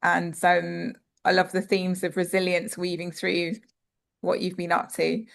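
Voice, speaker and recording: A woman's voice: fairly low pitch, monotone, measured pace, gravelly. A woman hosting a panel interview, effusive and admiring toward her guests. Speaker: host.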